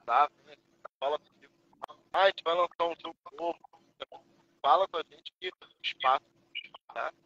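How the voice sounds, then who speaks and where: A man's voice: fairly high pitch, bright, forceful tone, highs cut off, slight background noise. A man hosting a live video-call chat over a headset, his audio choppy and cutting out. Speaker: livestream host.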